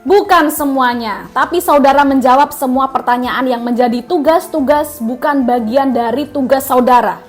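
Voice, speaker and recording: A woman's voice: fairly high pitch, faint music behind, lightly acted. A woman putting on a stern joking male judge. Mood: stern questioning. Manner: rapid insistent questioning. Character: middle-aged male presiding judge, stern yet joking.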